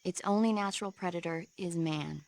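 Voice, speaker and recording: An actress playing a friendly, chatty support medic who explains things eagerly in a video game. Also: female voice, on the low side, a little fast, darkish tone, lightly acted. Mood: informative. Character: friendly, eager female radio support medic, movie buff.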